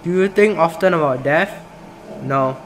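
The recording is rough, with a little hiss or hum, and the young man's fairly high voice runs a little slow. A Singaporean gaming YouTuber, he plays on camera in a small room, reading the game's questions aloud and casually throwing out "bro" often.

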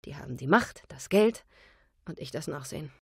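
A woman's voice: sits low, animated, normal speed, vocal fry, breathy edge, dry recording, studio quality, heavily acted. A woman voicing a fiery young bistro owner and single mother who speaks heatedly and indignantly. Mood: dejected.

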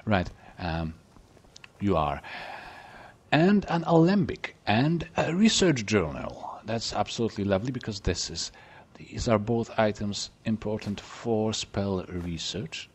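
A man's voice: fairly low pitch, big pitch swings, a little slow, breathy edge. A man casually commenting on his gameplay, chatty and playful, often dropping to a whisper. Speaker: let's play gamer.

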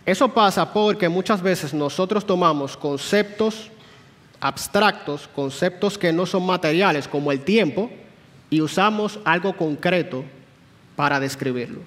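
A man teaching a Sunday school class in a church, explaining patiently and putting questions to the room. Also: on the high side. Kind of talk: church Bible class lecture. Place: church hall. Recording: long hall reverb.

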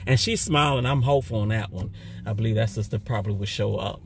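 A middle-aged man giving a casual spoken testimony, talking loudly and telling his story with energy. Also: lowish voice, fast, vocal fry, slight background noise. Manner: loud, animated storytelling. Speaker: churchgoer sharing a testimony.

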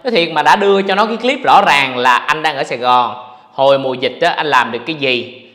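A man hosting a casual livestream podcast, talking in an animated, ranting way to his viewers. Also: a little high, fast talker. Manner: animated, ranting, mocks others in put-on voices. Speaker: podcast host. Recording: echoey room with long reverb.

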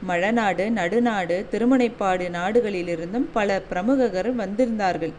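A woman's voice: mid-range voice, unhurried, darkish tone, a little hiss or hum, close to an everyday voice. A woman reading a humble young warrior messenger. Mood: polite. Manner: deferential, respectful.

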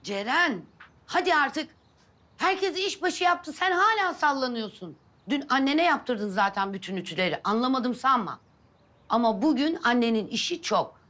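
An actress playing a bossy housekeeper nagging a young maid. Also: female voice, fairly high pitch, fairly bright tone.

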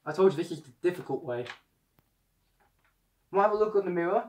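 A man chatting excitedly through a helmet mask, reviewing the helmet in a casual vlog. He talks indoors at home. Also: high voice, fairly quick, a little hiss or hum. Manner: chatty and excitable, with frequent restarts. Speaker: product reviewer.

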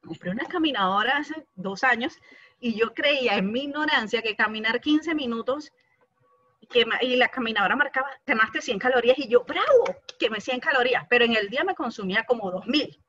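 A talkative woman sharing a personal testimony on a video call, telling her story in a lively, chatty way. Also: a little high, fairly quick, muffled recording. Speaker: participant giving a testimony.

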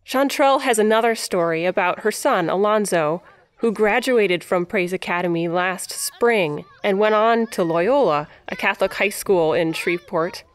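A woman giving scripted documentary narration in a measured, even delivery. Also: mid-range voice. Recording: faint music behind.

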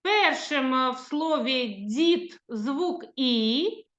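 Woman preschool teacher, Ukrainian accent, high bright pitch, slow patient delivery, echoey lo-fi room recording. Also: animated. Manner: slow, sing-song teacherly speech, drawing out words. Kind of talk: recorded lesson for young children. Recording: echoey room, dull lo-fi sound.

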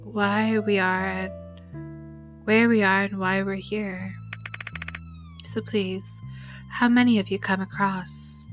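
A woman playing a calm, curious girl in a game, asking one measured question after another in an even mid-range voice, with game music clearly audible in the background. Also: mid-range voice, dull audio, close to an everyday voice. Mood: inquisitive. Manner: measured, inquisitive.

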